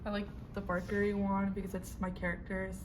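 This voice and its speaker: Soft-spoken young woman from Argentina. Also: mid-range voice, completely flat delivery, fairly quick, background noise. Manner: soft-spoken, hesitant with fillers. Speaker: art student. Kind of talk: casual interview answers. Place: classroom.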